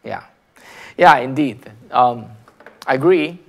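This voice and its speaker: Speaking with a Chinese accent, this man from China runs a political commentary stream and reads out comments from viewers. His voice is medium in pitch, creaky and fairly bright, and he talks haltingly, restarting often and posing rhetorical questions.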